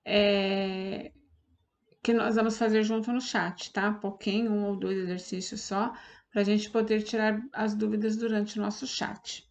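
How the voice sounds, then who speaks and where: A woman's voice: mid-range voice, flat delivery, measured pace, creaky. A woman teacher with a Brazilian Portuguese accent, patiently explaining a lesson step by step and often checking that students follow. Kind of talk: online class lesson.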